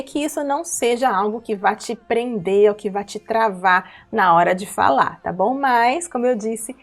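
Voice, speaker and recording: A woman teaches English pronunciation, walking through song lyrics line by line. She is patient and repetitive, slowing down to spell out words and checking in with her listeners. Her tone is that of a friendly online teacher. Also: a little high.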